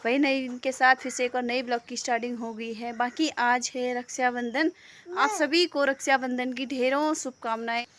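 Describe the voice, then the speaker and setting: A woman vlogger with a Pahadi accent from Uttarakhand, chatting in a lively, teasing way with her family. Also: on the high side, normal speed. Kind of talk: casual family vlog chat.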